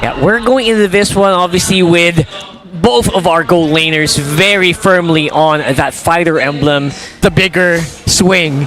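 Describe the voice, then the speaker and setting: A man's voice: on the high side, measured pace, fairly bright tone, soft background music. A man giving live analysis and reactions as an esports co-commentator.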